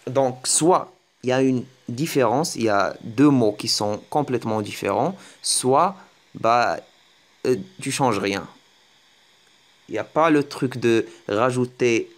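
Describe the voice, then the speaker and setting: A man giving a casual lesson in French on English grammar, hesitant, with many fillers and restarts, repeating words slowly for practice. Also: medium pitch. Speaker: English teacher.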